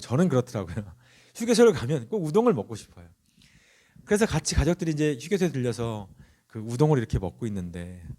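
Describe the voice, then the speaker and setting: Man preaching with lively pitch. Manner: earnest preaching with anecdotes and questions to the congregation; lively rising and falling pitch. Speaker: pastor. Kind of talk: Sunday sermon.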